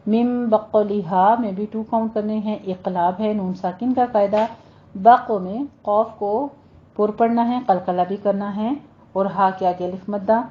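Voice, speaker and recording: A woman teaching Quran recitation, saying each word slowly and patiently and correcting common mistakes. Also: mid-range voice, fairly even intonation, highs cut off. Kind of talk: recitation lesson, modelling sounds slowly.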